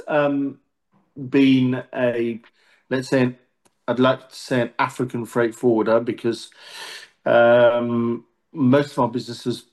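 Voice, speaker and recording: A middle-aged man speaks with a British accent in a casual interview. His pitch sits in the middle of the male range. He feels his way through sentences, pausing and rephrasing as he goes. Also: a little mellow. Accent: British English. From born in Marseille, France, long settled in the UK. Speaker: managing director, interview guest.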